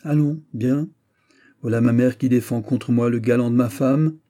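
A jealous young prince with a raised, husky voice, as a man reads him in an audiobook. He presses every point with heat and insistence over a dark, mellow tone. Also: medium pitch, normal speed, voice pushed up, lightly acted. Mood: indignant. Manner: heated, insistent, emphatic. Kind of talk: audiobook character voice.

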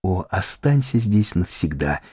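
An earnest, emotional young man in love, as a male audiobook narrator reads him, low-pitched and mellow, heartfelt, his pitch moving widely. Dry, close sound. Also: sing-song, a little slow, husky, no echo, heavily acted. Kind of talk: audiobook character reading.

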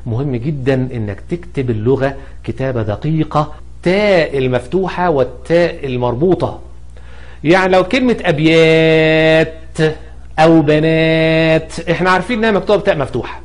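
A man with an Egyptian accent giving a grammar lesson. He repeats example words and asks and answers his own questions. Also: on the high side. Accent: Egyptian Arabic. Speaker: Arabic grammar teacher.

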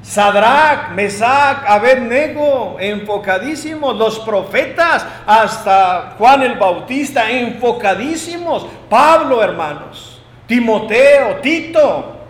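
High-voiced preacher in an echoey hall. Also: male voice, lively intonation, slow. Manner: emphatic, swings between loud proclamations and low asides. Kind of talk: sermon.

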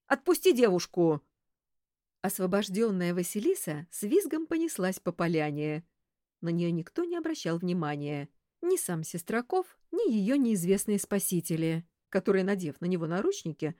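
Woman narrating an audiobook, really expressive, dry sound. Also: mid-range voice, no echo. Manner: expressive, animated. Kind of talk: audiobook reading.

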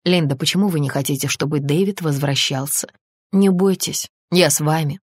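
A woman's voice: low-pitched, moderate pace, darkish tone, husky, dry recording. A woman reading an audiobook voices a male police detective who questions a suspect persistently but soothingly. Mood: coaxing. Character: male police detective, calm coaxing interrogator.

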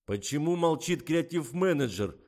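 A man voicing a loud, excitable male film director in an audiobook, shouting orders and stretching out his exclamations. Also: on the high side, moderate pace, pitched above the performer's own voice, lightly acted. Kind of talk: audiobook character voice.

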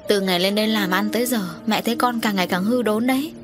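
A woman's voice: mid-range voice, quick pace, over music, close to an everyday voice. A woman voicing an anxious middle-aged mother in an audio story, fretful and scolding.

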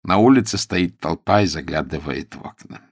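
A man's voice: sits low, animated, normal speed, no room sound, clean studio sound. A man playing a frantic, pleading fight manager. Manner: pleading, wailing, overwrought. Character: excitable, fussy middle-aged fight manager.

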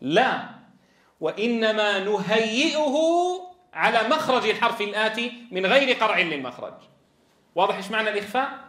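A man's voice: sits high, animated, a little fast, sharp tone. A man teaching Quran recitation in a classroom. He explains step by step, asks the class questions and draws out sounds to demonstrate them. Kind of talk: classroom tajweed lecture. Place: classroom with a board. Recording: echoey classroom.

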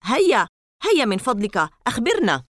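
A woman's voice: lowish voice, big pitch swings, normal speed, a bit bright, no room sound, clean studio sound. A woman voicing a curious, impatient boy at summer camp. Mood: pleading. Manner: impatient, pleading. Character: tired, curious boy camper.

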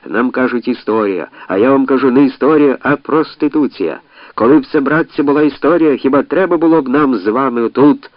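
A man voicing a hot-headed former prisoner who gives a shrill, squeaky, impassioned speech to a crowd. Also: a little fast, no room sound, highs cut off, lightly acted. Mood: fervent. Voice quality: squeaky, mouse-like. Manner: shouting, impassioned.

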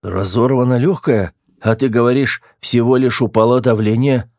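A man reading an audiobook, voicing a sly, lazy male spaceman who whines and fakes being ill, slower and lower than his narration. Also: fairly even intonation, a little mellow, no echo, clean studio sound, natural voice. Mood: whiny. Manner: whiny, put-upon and sly.

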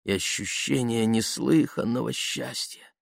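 A man reading an audiobook, voicing a shy, romantic young woman who speaks softly and wistfully. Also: mid-range voice, expressive, normal speed, slightly rough, no echo, clean studio sound. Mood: whispery dreamy. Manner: soft, hushed, wistful.

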